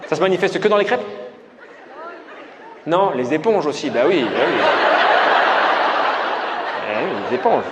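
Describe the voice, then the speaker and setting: A man's voice: fairly high pitch, sing-song, unhurried, pauses often. A man with a southern French accent doing improvised stand-up crowd work, teasing and mocking audience members and echoing their answers back to them. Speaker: stand-up comedian. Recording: live comedy room, loud crowd laughter and noise. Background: audience laughing and loud room noise.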